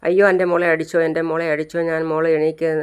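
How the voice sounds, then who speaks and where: The narrator voicing a young mother who is angry and protective, with sharp, defiant retorts in a clear voice. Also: deep voice, level tone, racing, natural voice.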